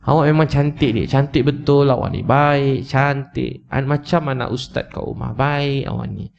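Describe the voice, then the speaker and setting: A gravelly, mid-range male voice with little pitch movement and a moderate pace preaches to a live crowd. He tells an emotional story, repeats himself, and addresses his listeners directly, all captured in a slightly dull lo-fi recording.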